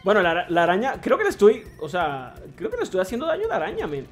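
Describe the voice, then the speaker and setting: A man streaming a retro shooter live, excitable and swearing, reading chat messages aloud. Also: high-pitched, fast, faint music behind. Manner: excitable, swearing, laughing, mixing English slang. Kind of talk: live gameplay commentary.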